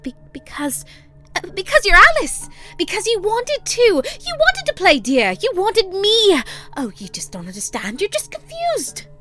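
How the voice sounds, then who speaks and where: Woman playing a giddy obsessive hatter, high sing-song voice, soft music behind. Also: huge pitch swings, moderate pace, heavily acted. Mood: agitated. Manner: high giggly sing-song, abrupt shifts.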